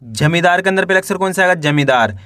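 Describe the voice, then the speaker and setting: Guy teaching kids to read, breaks words into syllables, keeps asking questions, bright voice, dry close recording. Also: high-pitched, lively intonation, fast, no room sound. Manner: repeats each word and asks questions back to the learner. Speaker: Hindi reading teacher. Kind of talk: spelling lesson for beginners.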